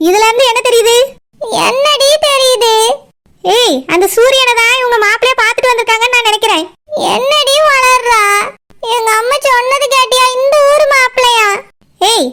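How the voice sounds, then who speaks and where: A woman's voice: extremely high pitch, sharp tone. A woman with a Kanyakumari Tamil accent voicing village characters in a coaxing, chatty way.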